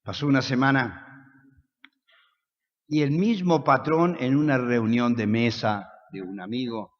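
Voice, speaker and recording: A man with an Argentine accent preaching a sermon, asking rhetorical questions and swinging between soft and loud. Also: mid-range voice, measured pace. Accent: Argentine Spanish. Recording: echoey hall, dull lo-fi sound.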